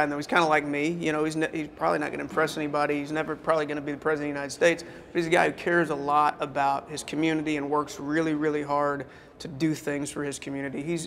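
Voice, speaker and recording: A man in an interview speaks earnestly about his work in the state senate, often stopping and restarting his sentences. His voice is gravelly and a little high, with faint noise behind it. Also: fairly bright tone. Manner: earnest, halting, with many restarts. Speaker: state senator and floor leader guest. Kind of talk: interview talk.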